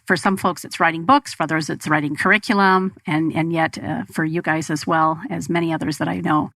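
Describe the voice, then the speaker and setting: A woman's voice: low-pitched, steady tone, a little fast, a bit bright, no room sound. A middle-aged woman with an American accent, hosting an interview in a chatty, colloquial way. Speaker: interview host. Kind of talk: casual conversational interviewing.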